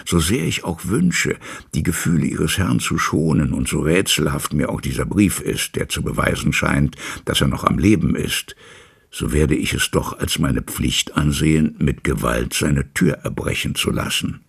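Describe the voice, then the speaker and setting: A man voicing a grave, measured male lawyer who speaks deliberately and with weight, in a gravelly, husky voice. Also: extremely low pitch, lively intonation, exaggerated voice. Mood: resolute.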